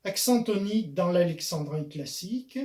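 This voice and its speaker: Man, poetry lecturer, measured, hesitant fillers, fairly high pitch. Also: expressive, a little mellow. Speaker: poetry lecturer and author-declaimer. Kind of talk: spoken lesson on verse.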